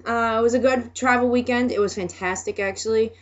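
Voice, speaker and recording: A young woman from Minnesota, with the accent to match, hosts a casual video chat, chatting away and laughing often between remarks. Her voice sits on the high side, steady and brisk, and the lo-fi recording sounds dull.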